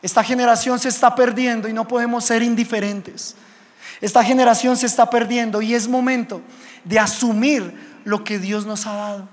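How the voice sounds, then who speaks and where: A man preaching a sermon as a pastor, telling stories in an animated way with sound effects. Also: extremely high pitch, moderate pace. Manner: animated storytelling, acts out scenes with sound effects. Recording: long hall reverb.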